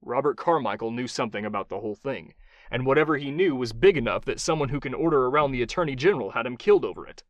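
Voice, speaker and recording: A man narrating a thriller audiobook in an expressive, dramatic storytelling style. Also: medium pitch, fast, dry recording, muffled recording.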